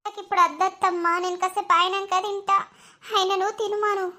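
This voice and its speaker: A woman acts out a very high, bright-voiced young bride in a village cartoon, motherless and full of self-pity. She laments tearfully with a lilt. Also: steady tone, moderate pace. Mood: sulking.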